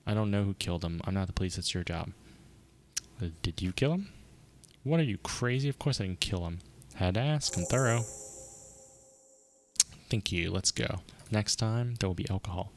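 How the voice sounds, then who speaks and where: A man's voice: low-pitched, brisk, creaky. A man streaming a video game, reading its dialogue aloud and reacting with sarcastic asides.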